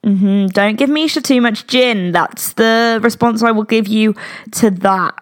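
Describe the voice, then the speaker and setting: A woman's voice: on the high side, unhurried. A young British woman in her twenties hosting a podcast, chatting frankly and giggling, with lots of fillers. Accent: British English. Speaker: podcast host. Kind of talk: casual chat.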